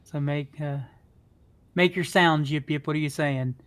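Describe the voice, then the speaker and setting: A man's voice: on the high side, fairly even intonation, unhurried, a bit bright, smooth. A man working as game master, narrating a tabletop game in a casual, amused, improvised way.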